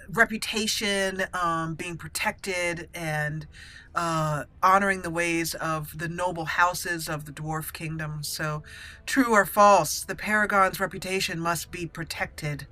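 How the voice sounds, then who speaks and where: Over background video game music, a gaming video host does let's play commentary, voicing a character's dialogue in a theatrical way. Her voice is lowish, bright, and forceful.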